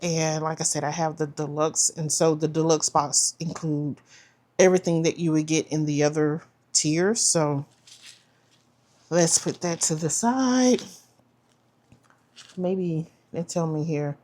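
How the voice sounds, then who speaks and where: A woman's voice: low voice, steady tone, measured pace, pauses often, a little mellow. A woman chatting casually as she unboxes a planner subscription box, trailing off and restarting, and saying "y'all". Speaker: planner vlogger.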